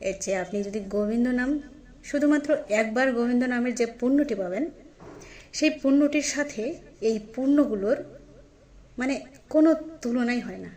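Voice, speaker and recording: A woman delivers a religious talk in an earnest, explaining manner. Her voice sits a little on the high side, and she turns often to address her listeners directly. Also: a little mellow. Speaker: devotional speaker.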